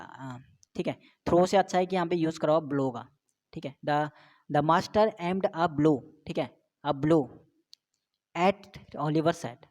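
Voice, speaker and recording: Woman, low voice, grammar lesson, slow deliberate reading of examples. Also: a little mellow. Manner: explains step by step, reads sentences slowly, repeats "ठीक है". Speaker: teacher. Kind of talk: exam-prep grammar lesson.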